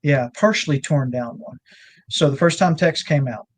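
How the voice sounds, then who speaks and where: A man's voice: a little high, moderate pace. A man telling a rambling, folksy story in casual chat, full of fillers. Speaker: ranch owner and guest.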